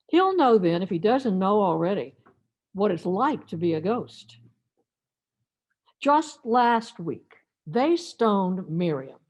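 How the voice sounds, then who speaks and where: A woman with a medium-pitched, slightly mellow voice reads a church meditation in the first person as Mary Magdalene, an anguished and defiant former prostitute. Her delivery is emotive and theatrical.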